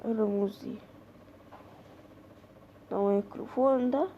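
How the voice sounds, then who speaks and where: High-voiced Egyptian woman gaming. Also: fairly even intonation, moderate pace, dull audio, a little hiss or hum. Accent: Egyptian Arabic. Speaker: gaming creator. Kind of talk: horror game let's play commentary.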